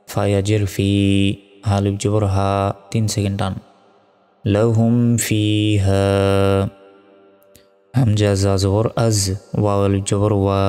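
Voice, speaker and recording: A man teaching Quran reading, spelling out syllables slowly and then reciting them in a melodic chant. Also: lowish voice, dark tone. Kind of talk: letter-by-letter recitation lesson. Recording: long reverb hall with faint music.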